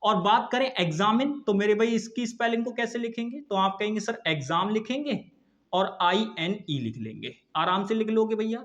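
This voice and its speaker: A man's voice: sits high, expressive, normal speed, a bit bright. A young man teaching a vocabulary lesson online, repeating each point and answering his own questions for his students. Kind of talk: online exam-prep lesson.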